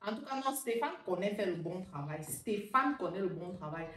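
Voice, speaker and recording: A woman's voice: lowish voice, animated, moderate pace, recorded from a distance, heavy background noise. A woman hosting and chatting to viewers in a teasing, exclamatory way. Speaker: host. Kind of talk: casual commentary to viewers. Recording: very echoey room, off mic.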